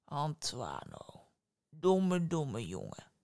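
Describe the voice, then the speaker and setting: A woman's voice: low voice, huge pitch swings, creaky, warm tone, dry recording, studio quality, voice pushed down, full character voice. A woman doing a patient, kindly giant. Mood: tender. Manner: slow, patient instructions. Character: kind, ugly giant. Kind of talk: storybook voice acting.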